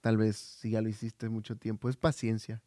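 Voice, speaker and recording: A man's voice: fairly low pitch, little pitch movement, moderate pace, warm tone, no echo, clean studio sound. A man co-hosting a podcast in casual chat, hesitant with frequent fillers and restarts, telling personal stories. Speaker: podcast co-host.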